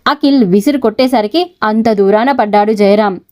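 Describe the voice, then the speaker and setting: A woman storyteller giving scripted narration of a serial audio story in a steady, expressive reading. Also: mid-range voice, normal speed.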